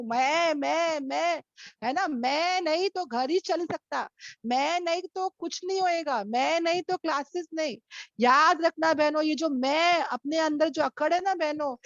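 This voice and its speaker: High-voiced woman teaching a class over a call. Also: no room sound. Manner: addresses listeners as sisters with many rhetorical questions; mixes English phrases into her talk. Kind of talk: lecture with storytelling. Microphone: online video call. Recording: dull dry lo-fi call audio.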